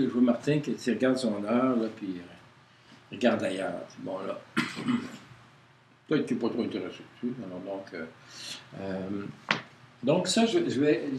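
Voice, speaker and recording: A man with a Quebec French accent leads an informal workshop, talking to a small group in a halting way full of hesitations and restarts. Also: medium pitch, darkish tone. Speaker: workshop leader. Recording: roomy, distant mic with faint noise.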